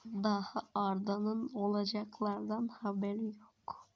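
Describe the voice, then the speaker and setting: Voice actor doing a whispering scheming prankster. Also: female voice, a little high, flat delivery, slow pace, muffled recording. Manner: hushed, gloating. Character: sneaky scheming prankster troll, adult. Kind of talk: whispered role-play.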